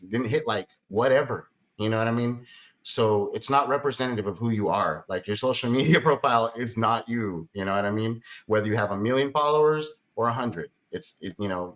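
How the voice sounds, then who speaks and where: A man's voice: medium pitch, fairly bright tone. A man in his late thirties chatting in a rambling, encouraging way in a casual podcast conversation. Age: late 30s.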